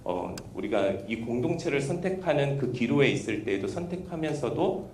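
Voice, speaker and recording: A man's voice: mid-range voice, expressive, moderate pace, darkish tone, slight background noise. Roomy, distant man preaching a sermon. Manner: earnest, conversational preaching with personal asides. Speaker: pastor.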